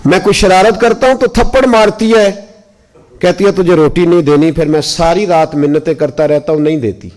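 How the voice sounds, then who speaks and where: A man's voice: sits high, normal speed, darkish tone. A male preacher, telling family stories in a sermon and acting out their voices with rising and falling tones. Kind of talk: sermon with storytelling.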